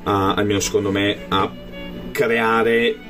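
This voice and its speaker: A man with a fairly low voice chats as an interviewed gamer. He talks casually and often pauses to find his words, with guitar music playing behind him. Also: level tone. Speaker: interviewed tabletop role-playing player and game master.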